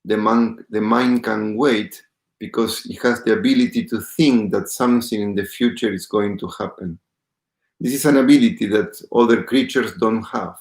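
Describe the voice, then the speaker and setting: A man with a low, gravelly voice leads a live-streamed guided meditation talk, speaking calmly and unhurriedly. He greets viewers by name as they join and eases into the session. The sound is roomy, with lots of echo.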